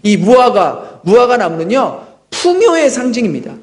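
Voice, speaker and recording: A pastor in his thirties delivers a sermon in a church. His voice sits very high for a man. He talks earnestly, like a storyteller, and keeps turning to his listeners with rhetorical questions. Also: sing-song, normal speed, a little mellow. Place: church sanctuary.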